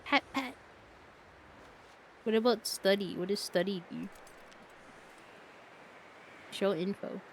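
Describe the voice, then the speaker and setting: A woman's voice: medium pitch, steady tone, measured pace, pauses often, a little mellow, a little hiss or hum. A woman streamer giving casual gameplay commentary in a playful, giggly, chatty way.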